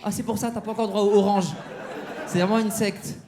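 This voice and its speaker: A man's voice: high-pitched, level tone, a little fast, mellow. A man doing stand-up crowd work on a comedy club stage, teasing the audience with mock-outraged banter. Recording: live show with crowd laughter.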